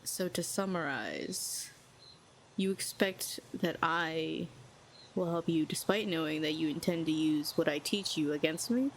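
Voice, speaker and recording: A woman performs a lonely, cynical and proud telepathic villainess for an audio roleplay, her measured delivery cool and sardonic with a needling bite. She speaks a little low, over a faint background hiss.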